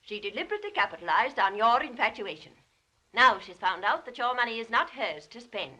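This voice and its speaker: An actress playing a domineering, coldly scheming wealthy older sister in a 1930s film melodrama, with an imperious, clipped, insinuating manner. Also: female voice, on the high side, very animated, brisk, pushed and bright, highs cut off, heavily acted. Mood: sly, cutting.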